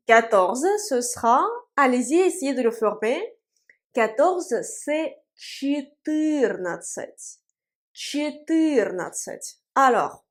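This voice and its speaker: High-voiced woman teaching slowly. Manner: patient, drills words slowly and repeats them. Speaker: Russian language teacher. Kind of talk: video lesson. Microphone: writing on a board.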